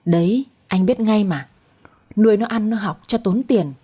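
A woman's voice: mid-range voice, moderate pace, mellow, husky, natural voice. A woman voicing an elderly man who scolds his granddaughter and dotes on his young wife. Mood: doting. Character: elderly man, doting husband, stern grandfather.

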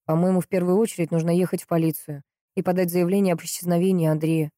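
A woman voicing a flustered young man who talks in a hurried, puzzled way. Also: lowish voice, flat delivery, warm tone, no echo, clean studio sound, natural voice.

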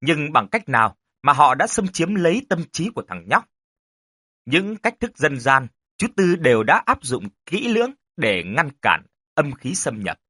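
A man narrating a ghost story in a dramatic, expressive way. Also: on the high side, measured pace, slightly rough, dry recording, clean studio sound.

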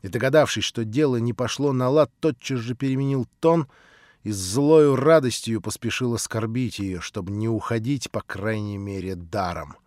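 A man narrating a classic novel as an audiobook, measured and steady. His voice sits at a middling pitch. The sound is dry and close. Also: no echo. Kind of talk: scripted literary narration.

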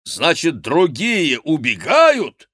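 Man doing an impatient jester, sharp commanding questions, slightly raised voice. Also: a little high, wildly swooping pitch, takes it slowly, breathy edge, dry recording, clean studio sound, voice pushed up, exaggerated voice. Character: sharp, impatient thin male jester, demanding.

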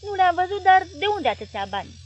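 A woman reading an audiobook plays a gruff, growling man, full of scorn and anger at a relative, his words pushed out loud and high. He snaps and grumbles indignantly at his wife. A faint hiss sits under the reading. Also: big pitch swings. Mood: angry, scornful.

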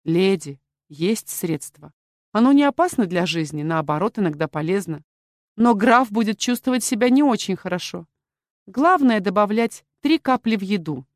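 A woman's voice: mid-range voice, animated, normal speed, no echo, studio quality, close to an everyday voice. A woman voicing Henry, an anxious male court physician who is easily flustered.

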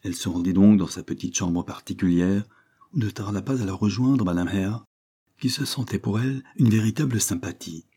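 A man narrating a novel in a measured, expressive reading. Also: lowish voice, slightly rough. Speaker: audiobook narrator. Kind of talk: scripted narration.

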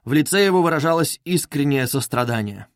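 A man narrating a classic novel in a measured, expressive reading. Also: fairly high pitch, no room sound, clean studio sound. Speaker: audiobook narrator.

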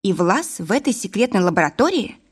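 A woman voicing a nervous young woman, a former ballerina, speaking in an anxious, higher voice. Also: sing-song, brisk, husky. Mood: alarmed.

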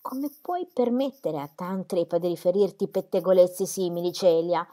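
A woman's voice: mid-range voice, big pitch swings, moderate pace, darkish tone. A woman reading aloud and voicing Dorothea, an earnest young woman who speaks with vehement, wounded indignation. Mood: indignant.

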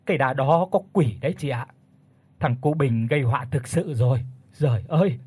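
A man's voice: medium pitch, normal speed, darkish tone, slightly rough, no echo, lightly acted. A man voicing a frightened older village man who stammers in panic, in a spoken ghost story. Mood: fearful.

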